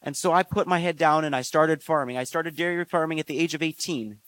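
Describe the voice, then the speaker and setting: A man preaching a sermon in an earnest, measured way, slowing down on key phrases. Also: on the high side, fairly bright tone. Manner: earnest, measured delivery with slow emphatic phrases and frequent fillers.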